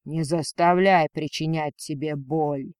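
A man voicing a cold, domineering male dragon lord in a storybook reading, speaking slowly and with contempt. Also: a little high, steady tone, darkish tone, clean tone, no room sound, studio quality. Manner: slow, commanding, contemptuous.

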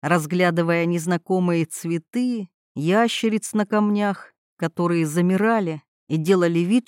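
Woman, storyteller, measured narration, even delivery, medium pitch, dry close recording. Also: no room sound.

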